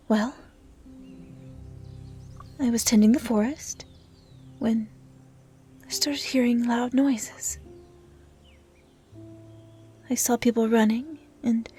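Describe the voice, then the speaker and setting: A woman with a fairly high voice plays a gentle dryad protecting a forest in an intimate roleplay audio drama. She speaks in soft, hushed, halting tones, with a soft and earnest mood.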